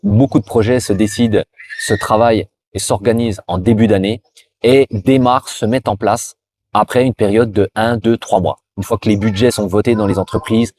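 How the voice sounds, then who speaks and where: The host, a Frenchman, has a lowish, slightly mellow voice with fairly even intonation and normal speed, recorded without echo. His informal career advice is aimed squarely at the viewer, full of restarts and repeated words.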